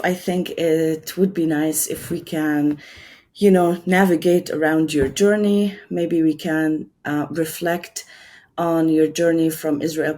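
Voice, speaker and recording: A woman hosting a faith podcast, reading a measured introduction and asking questions with some hesitation. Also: deep voice, a little mellow. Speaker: podcast host. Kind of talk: introduction and interview.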